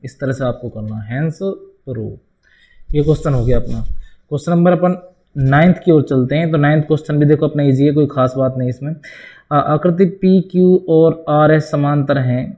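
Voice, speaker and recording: A man's voice: a little high, normal speed, warm tone. Man teaching maths in a question-and-answer drill. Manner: explains step by step, asking the class questions and answering them himself; often addresses students as "bhai". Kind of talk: board-exam maths lesson.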